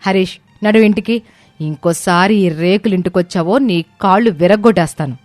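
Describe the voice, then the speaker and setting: A woman's voice: mid-range voice, moderate pace, no echo, soft background music, natural voice. A woman doing a harsh, scolding rich mother. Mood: furious. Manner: shouting, scolding, contemptuous. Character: proud wealthy young mother, harsh and quick-tempered. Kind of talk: storybook character voice.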